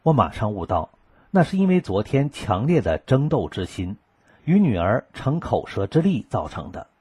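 Very husky low-voiced man reading aloud. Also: no echo. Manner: calm, measured storytelling reading. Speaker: radio reader. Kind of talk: scripted first-person narration.

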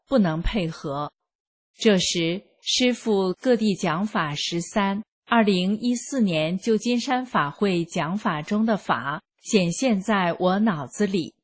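A woman reads a first-person account at an unhurried pace, her delivery calm and even. Her voice is soft and slightly breathy, with measured pauses between phrases. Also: medium pitch. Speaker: reader. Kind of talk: scripted first-person narration.

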